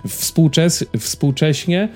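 Over faint background music, a man in his thirties with a rather high voice hosts a podcast, talking very slowly and casually about his personal habits and series. He rambles and hesitates, often repeating words.

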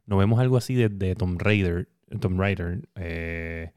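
A man's voice: low voice, a little slow, darkish tone, clear, resonant tone, dry recording, studio quality. A Puerto Rican man in casual chat as a podcast co-host, rambling with hesitant fillers.

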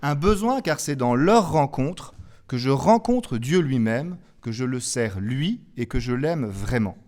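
A young man, a friar, giving an evening talk to students, lively and teasing his listeners. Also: medium pitch, unhurried. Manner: lively and joking, teasing the audience. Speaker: Dominican friar lecturing students. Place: convent lecture hall.

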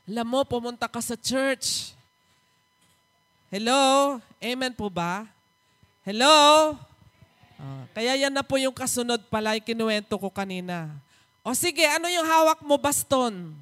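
A woman preacher giving a sermon in a church, animated and calling on the congregation to respond. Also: fairly high pitch, moderate pace. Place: church hall. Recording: echoey hall reverb.

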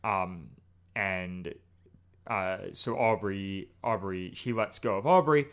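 A man's voice: sits low, takes it slowly. A man co-hosting a podcast, recapping an episode in casual chat and quoting characters informally. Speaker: podcast co-host.

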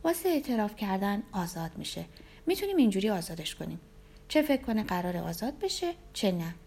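A woman narrator voicing a beautiful, manipulative young woman who speaks in a soft, flattering, cajoling way. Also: medium pitch, creaky. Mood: coaxing. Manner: gentle like a careful kind nurse.

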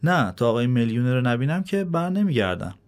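A man voicing an eager, unsure young employee in a spoken story, speaking quickly and a bit pleadingly. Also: mid-range voice, very animated, natural voice. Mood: determined.

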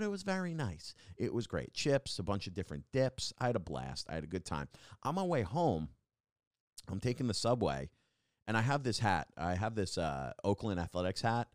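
A man's voice: lowish voice, dry recording, clean studio sound. A young adult man hosting a podcast, telling rambling casual stories with lots of fillers and restarts. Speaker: podcast host. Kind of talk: casual storytelling monologue.

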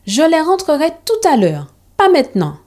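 A stubborn little boy from a read-aloud storybook, as a woman narrator puts him on. His voice sits high and childish, whining and pleading over a soft, dark tone. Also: huge pitch swings, normal speed. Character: stubborn little boy who loves toy cars.

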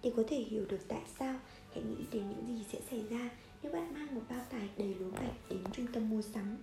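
A woman reading a nonfiction book aloud in a steady, measured way, now and then correcting a slip. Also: on the high side, creaky, echoey room, over music. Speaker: audiobook reader.

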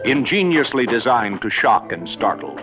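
A man's voice: mid-range voice, big pitch swings, moderate pace. A man narrating a 1960s film trailer in an ominous, theatrical announcer style. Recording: dull old film trailer, loud music.

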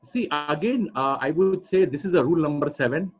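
A man's voice: on the high side, expressive, a little fast, slightly rough, soft background music. A man with an Indian accent explaining things as a coach in an interview, repeating phrases for emphasis. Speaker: trading coach being interviewed. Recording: dull, lo-fi audio.

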